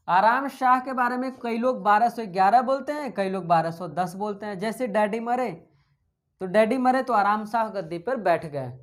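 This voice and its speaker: A woman giving an exam-prep history lecture, dictating notes and asking and answering her own questions in a chatty way with English terms mixed in. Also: mid-range voice. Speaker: history teacher.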